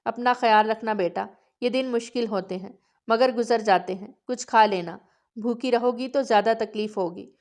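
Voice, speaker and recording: A woman's voice: a little high, natural voice. Motherly middle-aged maid, read by a woman. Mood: tender. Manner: warm, motherly.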